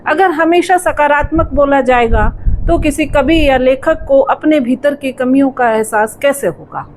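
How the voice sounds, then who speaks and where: A woman's voice: sits high, a little slow, slight background noise, low-quality recording. A woman moderating a literary book discussion, responding thoughtfully and at length to a speaker.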